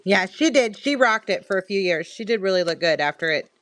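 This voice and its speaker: A woman's voice: mid-range voice, expressive, fairly quick, fairly bright tone, no room sound. A middle-aged woman with a Missouri accent, casually telling a rambling story while selling items on a livestream. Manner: chatty, rambling, reads viewer comments aloud. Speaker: livestream seller.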